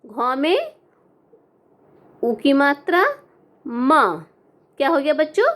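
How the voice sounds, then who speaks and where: Slow, patient high-voiced woman teacher. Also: lively intonation. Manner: patient, repeats each word and its letters slowly for young children. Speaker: primary school teacher. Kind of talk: online class lesson, slow dictation of spellings.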